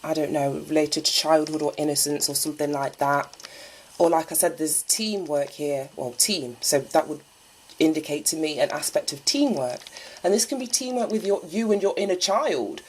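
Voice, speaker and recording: A woman's voice: low voice, moderate pace, a little hiss or hum, low-quality recording. A woman giving a spiritual card reading, chatty and musing, sounding stuffy from a lingering cold. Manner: chatty and musing, thinks aloud with small laughs. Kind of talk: solo divination reading, partly read aloud from a guidebook.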